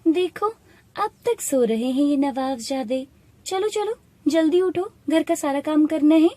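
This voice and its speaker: A woman voicing a harsh shopkeeper's wife who talks in a shrill, scolding way. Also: big pitch swings, takes it slowly, darkish tone, breathy edge, no echo, heavily acted.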